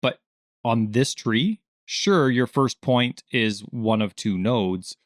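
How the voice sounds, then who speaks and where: Co-hosting a casual gaming podcast, a man speaks slowly but in an animated way, putting on a higher voice to act out the questions he quotes. The studio sound is clean, with no echo.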